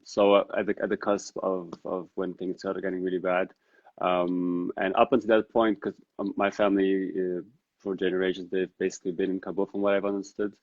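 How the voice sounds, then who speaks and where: Fairly quick and low, the flat male voice belongs to a Dari-speaking podcast guest based in the Netherlands. He reflects earnestly, thinking out loud during a casual interview chat. The recording has no echo but a dull, lo-fi quality.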